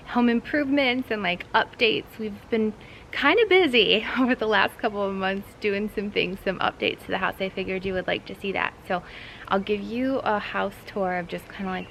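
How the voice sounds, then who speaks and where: In a low-quality home tour vlog with a little hiss or hum, a woman in her thirties gushes casually as host, partly outdoors on a deck. She's a homemaking vlogger with a mid-range, gravelly, somewhat bright voice.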